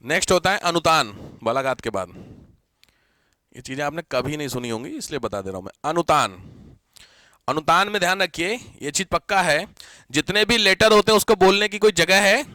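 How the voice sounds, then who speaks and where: A man teaching a Hindi grammar class, repeating examples slowly, often asking the students whether they have understood and mixing English words into his Hindi. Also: high-pitched, animated, sharp tone, dry recording. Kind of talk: classroom lecture.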